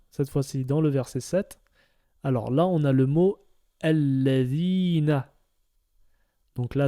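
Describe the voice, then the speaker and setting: A man's voice: mid-range voice, dark tone. A man teaching Arabic reading step by step, patient and repetitive, often checking in with his listeners. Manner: patient, repeats each step, checks with "d'accord?". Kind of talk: step-by-step lesson.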